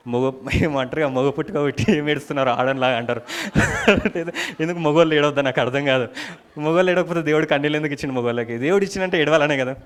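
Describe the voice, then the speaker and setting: A man's voice: on the high side, fast. A man preaching, retelling a scripture story in a dramatic, colloquial way and calling out hallelujah. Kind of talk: storytelling sermon.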